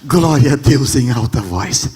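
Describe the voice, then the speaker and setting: A man preaching a Pentecostal sermon as pastor in a large church, with a Rio de Janeiro Brazilian Portuguese accent, impassioned, often shouting and repeating phrases. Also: medium pitch, lively intonation, unhurried, husky, in a large hall.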